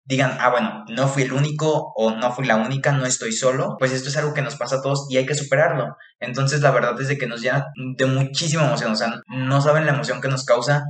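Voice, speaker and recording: An earnest young man with a Mexican Spanish accent co-hosts a casual podcast, talking in an animated, slangy way. His voice sits at an ordinary middle pitch and rings around a roomy, echoey space. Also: quick pace, few pauses. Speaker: podcast co-host. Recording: echoey room.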